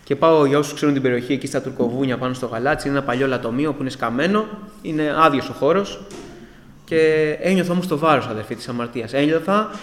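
A man giving an earnest, emotional personal testimony to a church congregation and addressing them as brothers. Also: mid-range voice. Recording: echoey hall with long reverb.

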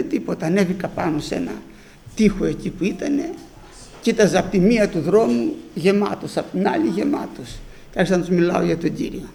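An older man preaching, telling a personal story in an animated way and acting out the shouting voices of the people in it. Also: high-pitched, gravelly.

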